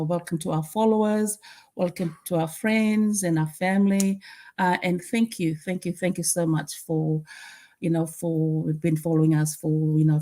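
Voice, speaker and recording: A woman's voice: on the low side, dark tone. An older woman from Fiji hosting an online live chat, talking with many hesitant fillers. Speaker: host.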